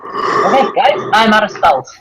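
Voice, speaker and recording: A man playing in a tabletop game who describes his character's actions in a measured, step-by-step way. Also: high voice, expressive, sharp tone, a little hiss or hum, low-quality recording. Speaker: player. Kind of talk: casual tabletop game play.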